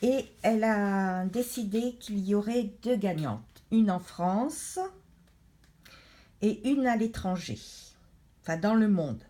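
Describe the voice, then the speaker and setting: A middle-aged woman talks through a colouring book in a relaxed, meandering way. She speaks slowly and hesitantly, with plenty of pauses and fillers. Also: medium pitch. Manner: chatty, rambling, hesitant with many pauses. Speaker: craft vlogger. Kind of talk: casual chat showing a colouring book.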